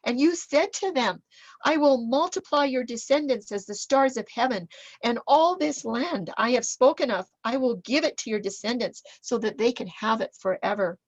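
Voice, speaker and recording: Higher-voiced woman teaching bible study, reads verses with lots of emphasis, dry close sound. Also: normal speed, dry recording, lo-fi sound. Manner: animated, reads scripture aloud with emphasis.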